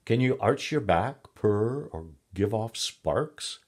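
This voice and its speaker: A man's voice: fairly low pitch, animated, takes it slowly, darkish tone, pitched above the performer's own voice. A man voicing a bossy, condescending female cat in a storybook reading, snapping her words. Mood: scornful.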